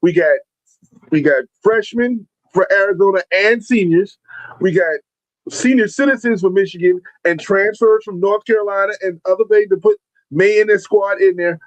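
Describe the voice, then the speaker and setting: A man's voice: high voice, normal speed, no room sound. A man in his forties co-hosting a podcast, chatting casually about sports in a laid-back, rambling way. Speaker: podcast co-host. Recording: dull lo-fi sound.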